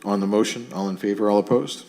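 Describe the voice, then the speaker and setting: A man chairing a committee meeting, calling votes in brisk set phrases. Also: fairly low pitch, steady tone. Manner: brisk, formulaic. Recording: distant mic with background noise.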